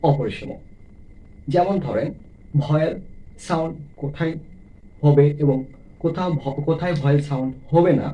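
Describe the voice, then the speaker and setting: A man teaching English pronunciation in a video lesson, explaining step by step and slowly stretching out example words. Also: a little high, dark tone, muffled recording. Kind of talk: classroom-style video lesson.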